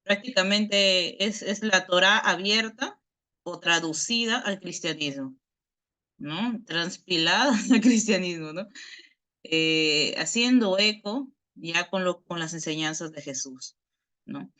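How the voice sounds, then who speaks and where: Teacher, explanatory Bible lesson, bright sharp tone, middle pitch, constant questioning "right?", repeats words while thinking, video call mic. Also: slow. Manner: explains patiently, tags nearly every phrase with a questioning "right?".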